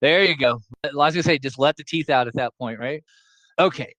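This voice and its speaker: In a laid-back online class on a video call, a man explains things jokingly and repeats points to keep them simple. His voice is a little high, brisk and a bit bright, on a dry, muffled recording.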